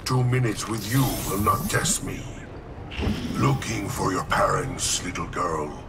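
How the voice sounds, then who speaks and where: Bane, gravelly masked brute. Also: male voice, low-pitched, very noisy. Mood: menacing. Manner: slow, formal, threatening. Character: huge masked male brute villain, proud and menacing. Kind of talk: video game character acting. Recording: loud music under the voice.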